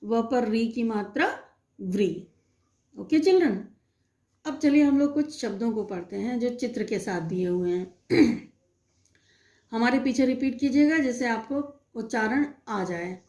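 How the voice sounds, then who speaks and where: A woman teacher slowly and patiently explaining a Hindi phonics lesson to young children, asking them questions as she goes. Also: on the high side, animated, a little mellow. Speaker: primary school teacher.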